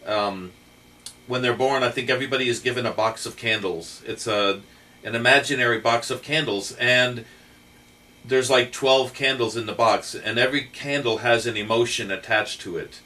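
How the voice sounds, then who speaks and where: A middle-aged man hosting a channel, speaking earnestly and gently about faith, with fillers and pauses. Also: medium pitch, distant mic, rough recording. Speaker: channel host. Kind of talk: heartfelt faith talk to camera.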